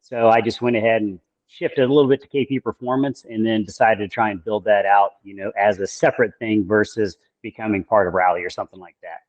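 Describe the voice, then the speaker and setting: A male endurance coach speaking in a mid-pitched, unhurried, measured way, full of "you know" and "um". His audio sounds dull and lo-fi, and dry, with no room echo. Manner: relaxed, measured, filler-heavy. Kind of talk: casual interview chat.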